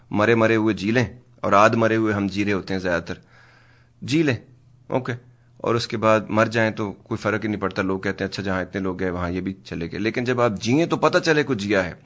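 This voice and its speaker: A man's voice: fairly low pitch, fairly bright tone. Earnest man hosting talk radio. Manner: earnest, preachy, mixes English phrases into speech. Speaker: radio host.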